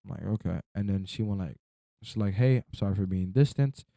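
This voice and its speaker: A young man talks a little fast in a gravelly, deep, very dark and relaxed voice, rambling sleepily through a story from his own life. His language is slangy and peppered with offhand swearing. The sound is tight and dry, with no room sound at all.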